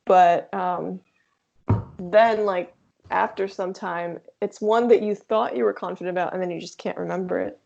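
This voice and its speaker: A young adult woman chatting as a guest, talking in an animated, chatty way with many filler words. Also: lowish voice, moderate pace, creaky. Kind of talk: casual chat. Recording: dull lo-fi sound.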